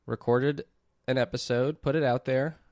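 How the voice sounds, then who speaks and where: Man, podcast co-host, casual chat, mid-pitched voice, dry close sound. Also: moderate pace, no room sound. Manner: relaxed, laughs often, leads the talk.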